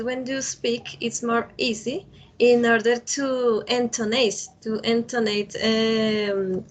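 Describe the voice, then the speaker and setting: Slow, halting woman teaching English. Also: fairly high pitch, fairly bright tone, low-quality recording. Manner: halting, many fillers and restarts. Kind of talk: online class lecture. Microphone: video call.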